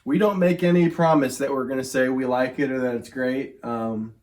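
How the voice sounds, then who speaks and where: A young man hosts a casual whiskey tasting at home, his voice hoarse from a cold. He talks in an easygoing, rambling way, full of filler words. His pitch sits in an ordinary middle range. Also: fairly even intonation, moderate pace, darkish tone. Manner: chatty, laid-back, says "stinking" and "um" a lot. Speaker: whiskey reviewer host. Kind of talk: casual whiskey review chat. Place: home man cave, indoors.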